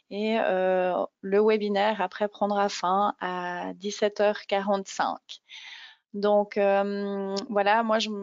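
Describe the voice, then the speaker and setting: A woman's voice: mid-range voice, no room sound. Woman hosting an online talk, casual intro, kinda hesitant, dry slightly muffled audio. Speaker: webinar host. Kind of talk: informal live introduction.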